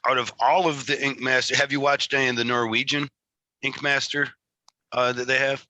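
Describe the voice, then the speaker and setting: A man's voice: mid-range voice, little pitch movement, moderate pace, sharp tone, no room sound, low-quality recording. A man with a Michigan Great Lakes accent hosting a casual interview in a rambling, self-deprecating way. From Michigan, United States. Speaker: interview host.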